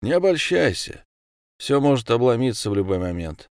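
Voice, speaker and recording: A man's voice: medium pitch, very animated, normal speed, no echo, studio quality. A man voicing a terse, commanding prison gang boss. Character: cold calculating male prison gang boss.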